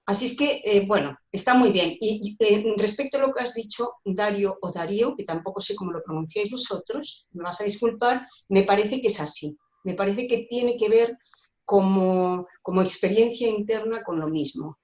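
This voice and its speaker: A woman's voice: mid-range voice, moderate pace. Lady talking earnestly on a call, keeps restarting her words, echoey room, dull muffled sound. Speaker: guest speaker. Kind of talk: discussion talk on social rights. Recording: roomy, dull lo-fi call audio.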